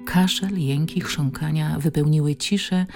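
Low, gravelly woman reading a novel. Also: unhurried, darkish tone, faint music behind. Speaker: audiobook reader. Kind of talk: scripted audiobook narration.

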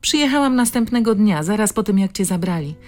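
A woman's voice: medium pitch, animated, brisk, a little mellow, soft background music, pitched above the performer's own voice, close to an everyday voice. A woman voicing a caring, worried female friend who talks earnestly and eagerly.

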